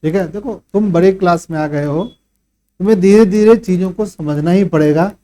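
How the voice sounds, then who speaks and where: A man's voice: high-pitched, normal speed, warm tone. A male math teacher lecturing a class, quizzing students and lecturing them sternly on working hard at home. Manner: scolds and quizzes students, rhetorical questions. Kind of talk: classroom lecture with a pep talk.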